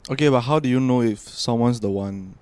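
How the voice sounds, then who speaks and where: Young man, smooth dry voice. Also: medium pitch, a little fast, no room sound. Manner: relaxed, filler-heavy, trailing off. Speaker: podcast host. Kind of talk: casual chat.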